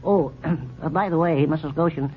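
An actor playing a pompous, fussy older male country doctor who lectures in a drawn-out way, in old radio comedy. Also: fairly high pitch, natural voice. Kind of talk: 1930s radio comedy acting. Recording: dull old radio recording with faint hiss.

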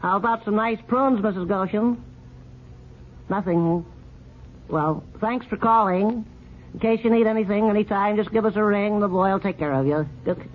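A man's voice: high-pitched, lightly acted. A man doing a pompous old country doctor. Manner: pompous and lecturing, drawn-out. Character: pompous, fussy older male country doctor. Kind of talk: 1930s radio comedy acting. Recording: dull old radio recording with faint hiss.

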